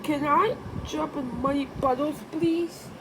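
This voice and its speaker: A woman's voice: high voice, a little slow, voice pushed up. A woman voicing an eager, cheerful little girl piglet from a children's storybook, exclaiming keenly. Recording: clear background noise.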